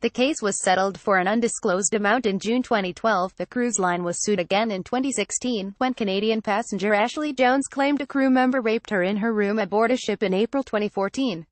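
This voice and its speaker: A woman narrating a news report in a steady, scripted read. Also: mid-range voice, brisk, hardly any pauses, dry recording.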